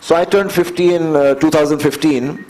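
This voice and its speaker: A man in his fifties with an Indian English accent, telling his story as an interview guest in an earnest, measured way and building his points through repeated phrases. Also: on the high side, steady tone, darkish tone, low-quality recording. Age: 50s. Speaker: guest, endurance athlete.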